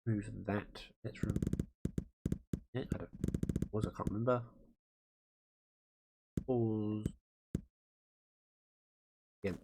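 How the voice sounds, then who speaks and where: A man's voice: lowish voice, little pitch movement, extremely slow, long pauses, very noisy. A man giving live commentary on a game while he plays, rambling and thinking aloud. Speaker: game streamer. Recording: music playing under the voice. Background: guitar music.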